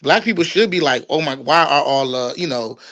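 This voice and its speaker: A man's voice: mid-range voice, animated, brisk, fairly bright tone, highs cut off. A young man from Washington, D.C., hosting a podcast in loose, slangy casual chat, laughing often. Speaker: podcast host.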